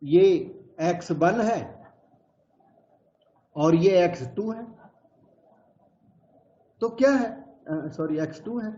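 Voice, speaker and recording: A man's voice: high-pitched, lively intonation, drawn-out words, pauses often, mellow, muffled recording. A man teaching a maths lecture at the board, explaining each step patiently and repeating key terms.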